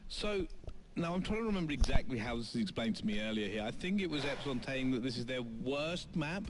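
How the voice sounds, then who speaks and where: A man chats through the match as an esports co-caster, talking quickly. His delivery is relaxed and a little rambling. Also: mid-range voice, background noise. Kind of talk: casual esports commentary.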